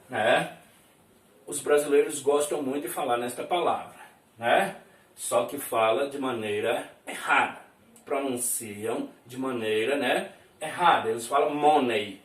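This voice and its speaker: A man teaching an English lesson in a casual style. He keeps adding little check-in questions and says each example sentence slowly and carefully. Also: mid-range voice. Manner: lively, repeats tag questions like "né?" and "viu?". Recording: echoey room, voice from a distance.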